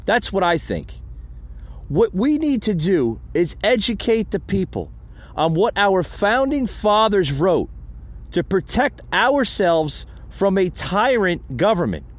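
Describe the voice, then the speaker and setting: A man hosts a podcast, delivering impassioned political commentary on his own and frequently addressing his listeners as "folks." His voice sits high, and the sound quality is lo-fi.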